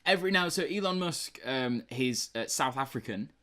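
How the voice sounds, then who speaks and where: On a book review podcast, a young British man co-hosts in a medium-pitched, sharp voice with lively intonation at a moderate pace. His talk is casual and rambling, packed with fillers and restarts.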